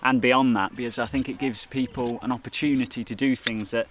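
A young man, an assistant farm manager, answering interview questions outdoors in a steady, measured way. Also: mid-range voice, noisy background. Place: outdoor pasture.

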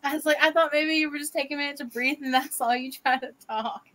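Higher-voiced young West Virginia Appalachian woman. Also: steady tone, fast, pushed and bright. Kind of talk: casual chat. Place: room at home, on a video call.

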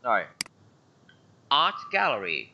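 A male English teacher runs an online class, saying each word in English and then explaining it. His voice is bright and forceful, and the call audio sounds muffled and lo-fi. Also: medium pitch, huge pitch swings, slow, vocal fry. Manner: mixes English words with Vietnamese explanations. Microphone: computer mic on a video call.

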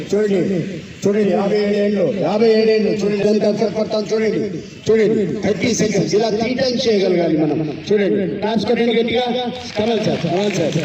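A man leading a public yoga session, coaxing the group with cheerful calls to clap, shout and laugh. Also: high voice. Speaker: yoga instructor. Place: outdoor public yoga event. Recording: roomy echo from far off, noisy.

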